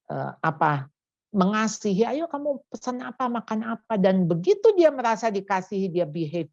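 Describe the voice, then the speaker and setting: A woman's voice: low-pitched, darkish tone, dry recording. A woman giving a seminar talk on parenting in an emphatic way, repeating key words and slipping in jokes, on a slightly dull recording.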